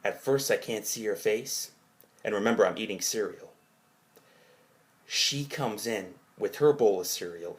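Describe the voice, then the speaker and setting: Narrating an entry from his own dream journal, a man with a fairly low-pitched voice describes a dream in halting, meandering fashion. He seems puzzled and unsure, reaching for details and rewording as he goes.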